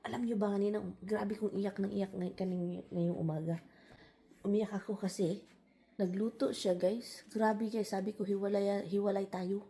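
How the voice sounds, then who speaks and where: A woman's voice: mid-range voice, fairly even intonation, normal speed, mellow. A Filipino woman vlogger chatting casually to her viewers, calling them guys and slipping into English. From Philippines. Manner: laughs while telling a story.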